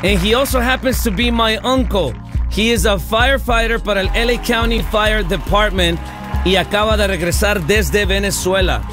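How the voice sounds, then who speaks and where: A man's voice: sits high, normal speed. A man hosting a casual radio chat in a studio, switching between Spanish and English mid-sentence. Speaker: radio show host. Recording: music playing behind the voice.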